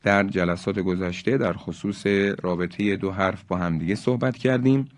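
A man teaching Quran recitation, explaining the rules in quick bursts and chanting each example slowly and drawn out. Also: deep voice, no echo, studio quality. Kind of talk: recorded tajweed lesson.

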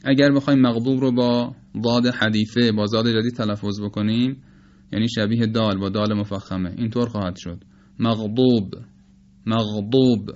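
A man with Persian as his first language, teaching the pronunciation of letters in a measured, explanatory lecture and slowly demonstrating sounds. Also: on the low side, little pitch movement, a little mellow, muffled recording. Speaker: teacher of Quranic recitation. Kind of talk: spoken lecture on phonetics.

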